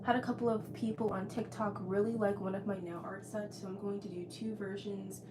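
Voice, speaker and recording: A woman's voice: mid-range voice, level tone, fairly quick. A woman chatting casually as a nail technician giving a live tutorial. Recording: clearly noisy background.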